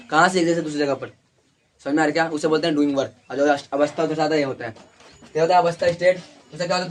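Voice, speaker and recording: A man teaching an English lesson in a classroom, repeating key words and checking in with students constantly. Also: a little high.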